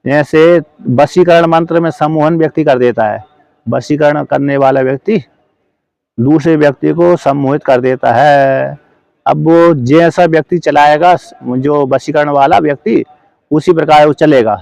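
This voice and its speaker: A man's voice: fairly high pitch, creaky, darkish tone, no room sound. A man teaching scripture in a lesson, explaining a commentary word by word, often breaking off to correct himself and asking his listeners if they follow. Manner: halting, self-correcting, checks in with listeners; slow chanted verse recitation.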